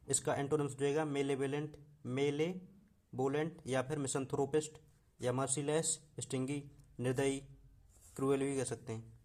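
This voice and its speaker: A man's voice: medium pitch, darkish tone. Man teaching vocabulary. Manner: repeats words, reads off a list with self-corrections. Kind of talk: vocabulary lesson.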